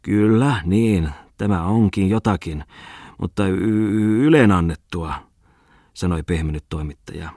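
A male audiobook reader voicing a tipsy, excitable newspaper editor who stammers and bursts out loudly. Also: low-pitched, few pauses, slightly rough, dry recording, clean studio sound. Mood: slurring. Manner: stammering, rising to loud outbursts.

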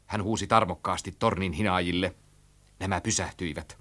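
A man reading a children's story aloud in an animated, rhythmic storytelling style. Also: low-pitched. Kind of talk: expressive storybook narration.

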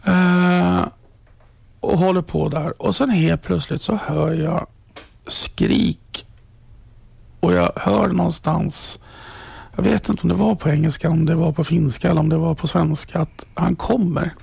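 Middle-aged Swedish man, interviewee; rough, husky voice in a dry room, halting speech, drops to a whisper. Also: a little high, fairly even intonation, a little mellow, no room sound. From Sweden. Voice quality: gravelly and husky. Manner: halting, many restarts, drops to a whisper at grave moments. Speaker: interviewee, trained ambulance driver. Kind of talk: personal testimony in an interview.

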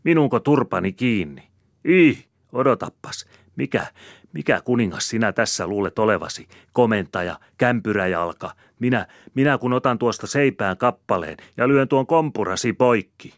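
A man reading an audiobook, voicing a fiery, quick-tongued peasant wife who scolds in a shrill, rapid-fire tirade. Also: expressive, no room sound, studio quality, natural voice. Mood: scolding. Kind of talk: audiobook character voice.

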